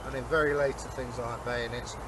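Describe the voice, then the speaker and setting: A man's voice: mid-range voice, fairly even intonation, brisk. An older man, explaining things in a casual show-and-tell manner. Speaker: co-host, Viking re-enactor. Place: outdoors in a leafy garden. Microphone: camera a few metres away. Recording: outdoor noise, birds and distant traffic.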